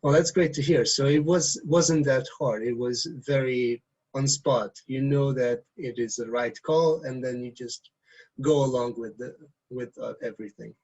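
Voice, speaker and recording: Gravelly-voiced male interviewer. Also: medium pitch, darkish tone, rough recording. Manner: halting questions with many restarts.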